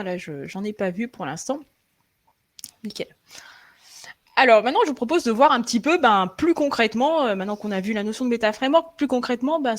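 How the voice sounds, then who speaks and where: Woman presenting a live tech talk. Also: a little high. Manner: hesitant, many fillers and restarts, checks in with viewers. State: slightly sore throat. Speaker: frontend developer presenting a live webinar.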